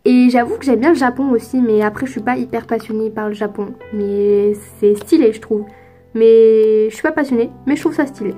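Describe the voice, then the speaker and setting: A woman's voice: fairly high pitch, brisk, dark tone, soft background music. A teenage girl from France answering viewer questions in a casual vlog, chatty and hesitant with lots of fillers. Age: teens. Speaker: youtuber.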